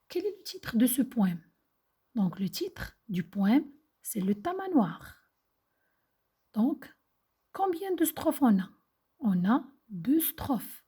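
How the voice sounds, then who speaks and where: A woman teacher talks young children through a lesson at a very slow, careful pace. Her voice is breathy and half-whispered, a little high and mellow, and she repeats and explains each simple word. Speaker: primary school teacher.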